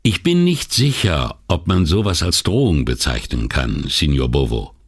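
A man reading a courteous middle-aged detective who asks polite, measured questions. The voice sits a little above the reader's own and has a gravelly texture. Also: very deep voice, sing-song, heavily acted. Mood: questioning.

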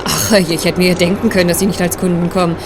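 An actress voicing a brisk, tart woman in a radio play. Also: fairly low pitch, steady tone, natural voice. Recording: street noise behind.

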